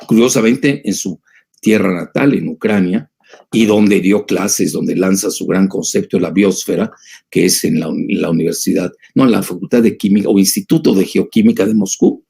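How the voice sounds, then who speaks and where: A man's voice: deep voice, normal speed, gravelly, dark tone, slightly rough. A man, an older analyst, answering audience questions in a digressive, emphatic lecture style with many filler sounds.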